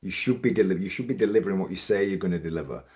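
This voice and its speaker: A middle-aged man from Yorkshire, England, with a deep, slightly mellow voice, appears as a business owner guest on a reflective podcast. He's measured and thoughtful, frequently restarting as he speaks.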